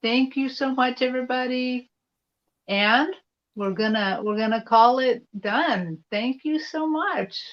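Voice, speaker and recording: A woman's voice: sits high, takes it slowly. A woman hosting a live psychic show, chatting casually, with slightly dull stream audio.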